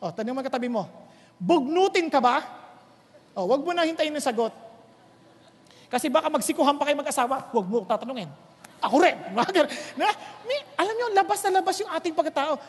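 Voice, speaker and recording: A woman pastor delivers a lively sermon in a high, bright-sitting voice. She moves between Tagalog and English and adds playful asides for her listeners. The sound carries the long reverb of a big hall. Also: fairly quick. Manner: humorous asides to the congregation. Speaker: preacher.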